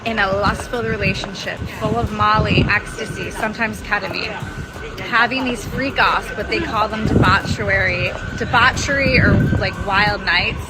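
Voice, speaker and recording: A woman's voice: medium pitch, steady tone, moderate pace, loud music behind the voice, rough recording. A woman giving a gossipy on-the-scene recap of a trial. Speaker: trial reporter. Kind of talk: on-the-scene reporting.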